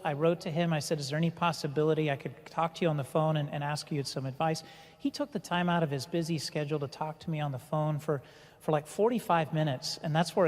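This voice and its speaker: A middle-aged man telling a personal story on a conference panel, with frequent restarts and fillers. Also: fairly high pitch. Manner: halting, many restarts and fillers. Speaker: panel speaker. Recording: long reverb in a hall.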